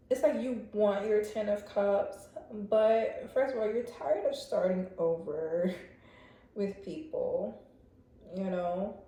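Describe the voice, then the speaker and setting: Woman tarot reader talking straight to her viewers, relaxed and chatty, recorded in a very echoey room. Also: mid-range voice. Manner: chatty, speaks straight to viewers, lots of "like" and "you know". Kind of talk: casual pick-a-card tarot reading.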